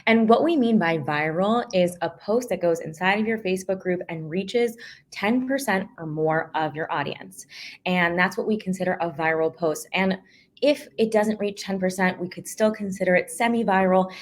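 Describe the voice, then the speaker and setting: A woman co-hosting a live business webinar, explaining with energy and quick restarts as she teaches. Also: medium pitch. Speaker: co-host and business coach.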